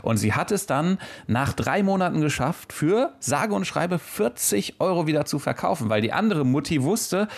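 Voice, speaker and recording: A man's voice: fairly high pitch, moderate pace, vocal fry, few pauses. A man co-hosting a podcast, telling funny stories in a casual chat, acting out quotes and laughing often. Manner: lively storyteller, acts out quotes, laughs often. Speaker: podcast co-host.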